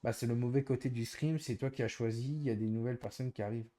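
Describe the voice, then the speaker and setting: Exasperated male streamer with a mellow voice. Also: mid-range voice, steady tone, fast. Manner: exasperated, explaining himself over and over. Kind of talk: casual live-stream chat to viewers.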